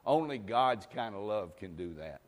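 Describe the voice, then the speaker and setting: A male pastor delivering a sermon, repeating phrases and swinging between hushed and loud, sometimes joking with the congregation. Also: on the low side, expressive, moderate pace. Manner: jokes with the congregation. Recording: long hall reverb.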